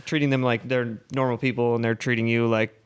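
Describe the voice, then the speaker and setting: A man's voice: mid-range voice, little pitch movement, fairly quick, clear, resonant tone. A man hosting a podcast, asking easygoing questions in a casual interview. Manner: easygoing, brief agreements. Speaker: podcast host.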